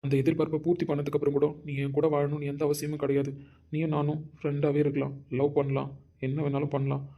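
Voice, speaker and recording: Man as a guilty young husband, gravelly, dark, flat, quick. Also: a little high. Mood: remorseful, tender. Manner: earnest, apologetic. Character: remorseful young husband, devoted. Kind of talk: amateur audio drama.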